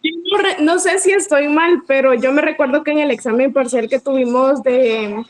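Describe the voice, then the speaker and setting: A woman's voice: high voice, normal speed, poor audio. A woman law student asking a question in class, hesitant, with many restarts and self-corrections.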